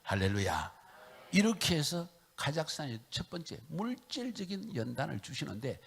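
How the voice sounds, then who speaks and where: A middle-aged man preaching a sermon as a missionary, swinging from hushed whispers to loud calls, having the congregation repeat lines, and acting out his own tearful prayers. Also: a little high, sing-song, moderate pace, creaky, slightly rough.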